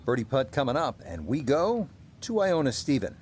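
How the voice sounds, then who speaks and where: Guy doing golf commentary on tv, measured clipped calls, mid pitch, some ambient noise behind him. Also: sing-song, darkish tone. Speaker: golf commentator, lead announcer. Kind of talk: live golf television commentary.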